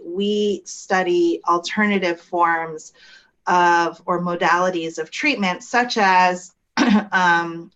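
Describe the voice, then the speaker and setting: A woman naturopathic physician explaining her field in a measured way with frequent ums, speaking from her office. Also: lowish voice, fairly bright tone, highs cut off. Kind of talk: explanatory interview talk.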